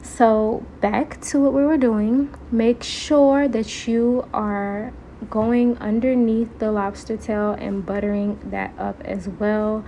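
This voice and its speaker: A woman's voice: on the high side, steady tone, slow pace, dark tone, slight background noise. A woman hosting a cooking video, giving casual recipe narration with playful asides to the viewers. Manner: chatty, talks straight to viewers with playful asides. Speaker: recipe vlogger.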